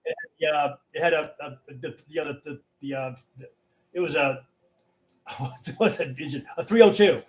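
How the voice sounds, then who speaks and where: A man chatting casually as a radio net controller, halting and often repeating his words. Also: fairly high pitch, rough recording.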